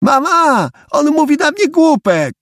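A man voicing a whiny little boy who tattles on his older brother in an audiobook, his voice pushed up high. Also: very animated, unhurried, a bit bright, no echo, clean studio sound, heavily acted. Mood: whiny tattling. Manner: whining, tattling.

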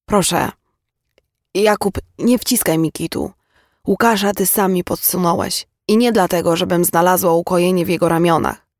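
A man's voice: high voice, fairly even intonation, normal speed, dry recording, studio quality. A man reading an audiobook, voicing a weary, bitter young woman with intense, emotionally charged delivery. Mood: scornful.

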